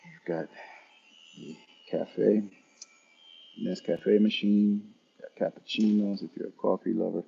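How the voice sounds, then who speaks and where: A man live-streaming a relaxed walkthrough of an airport lounge, chatting casually to viewers as he points things out. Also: on the low side, gravelly, husky, lo-fi sound. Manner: casual, unhurried, talking to chat viewers. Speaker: travel vlogger.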